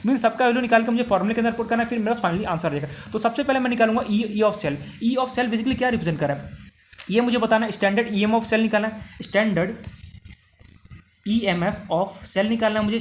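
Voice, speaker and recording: A young man with an Indian Hindi accent teaching chemistry, talking very fast in one breath and asking and answering his own questions. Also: high-pitched, slight background noise. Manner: rapid, talks in one breath, asks and answers himself. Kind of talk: fast explanatory lesson.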